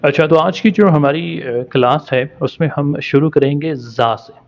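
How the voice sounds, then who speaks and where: A man's voice: on the high side, a little slow, creaky. Patient male Quran pronunciation teacher. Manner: patient, stretches Arabic letter sounds for practice. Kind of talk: spoken lesson with drawn-out letter demonstrations. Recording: dull lo-fi recording.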